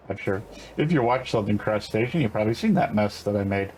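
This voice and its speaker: Playing a farming game for his gaming channel, an older man keeps up a relaxed, rambling commentary full of fillers, restarts, and corrections to himself. His low, slightly mellow voice has lively intonation at a normal speed. The low-quality recording carries slight background noise.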